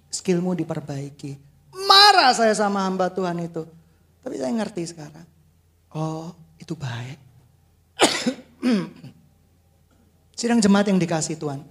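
A man with a voice that sits high preaches a sermon as a worship leader. He is animated and laughs often, swinging from loud outbursts to quiet asides.

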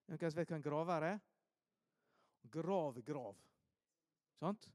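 Preacher, male, high-pitched, animated storyteller swinging from loud emphasis to quiet asides. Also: no room sound, clean studio sound. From Norway, Ålesund. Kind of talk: storytelling sermon.

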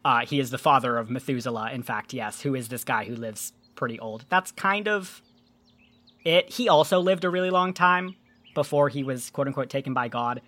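Speaking at normal speed in a very deep voice, a female podcast host walks through myths and folklore casually. She's lively, cracks jokes, and swears now and then.

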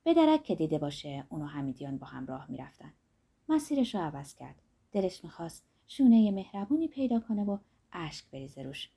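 Woman reading a novel aloud, mellow and husky, lively pitch. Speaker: audiobook narrator. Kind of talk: scripted narration.

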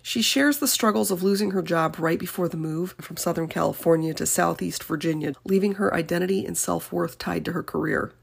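A woman's voice: on the low side, brisk, gravelly, few pauses, husky. A woman hosting a podcast, reading a scripted introduction with a scratchy voice from a cold, upbeat and encouraging. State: getting over a cold, scratchy voice. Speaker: podcast host.

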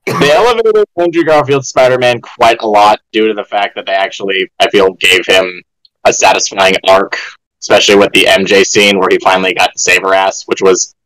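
A man's voice: fairly low pitch, brisk, a bit bright, no echo, low-quality recording. A man chatting casually and opinionatedly as a podcast panelist, brash and joking. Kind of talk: casual opinionated group chat.

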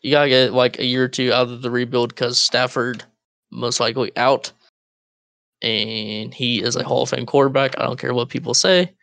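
A man's voice: mid-range voice, flat delivery, normal speed, vocal fry, fairly bright tone, no room sound. Laughing young man co-hosting, dry sound. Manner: laughs often, loose and joking. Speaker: podcast co-host. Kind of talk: casual chat. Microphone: Discord voice call.

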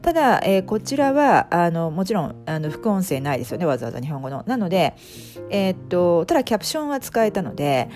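A woman's voice: lowish voice, sing-song, fast, a little mellow, faint music behind. A middle-aged woman, a life coach, talking casually as a podcast guest, with many fillers and restarts. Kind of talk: casual interview talk.

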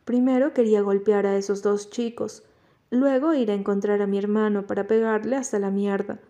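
A woman narrating an audiobook in a calm, measured reading. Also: mid-range voice.

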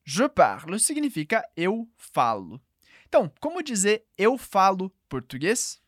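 A woman teaching a language lesson, clear and patient, slowing down to model each phrase. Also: medium pitch, wildly swooping pitch, dry recording, studio quality. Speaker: French teacher.

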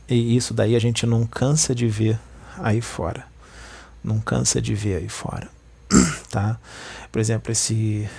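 Gravelly Brazilian man giving a spiritual talk. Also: fairly low pitch, darkish tone. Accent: Brazilian Portuguese. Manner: conversational, tags lines with "né" and "tá", addresses listeners as "gente". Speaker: spiritual speaker. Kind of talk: informal spiritual talk to an audience.

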